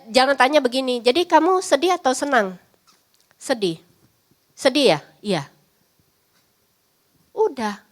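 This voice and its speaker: A woman's voice: a little high, fairly bright tone. A woman psychologist giving a parenting class in a chatty, teasing way, often acting out lines of parents and children. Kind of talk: parenting seminar talk.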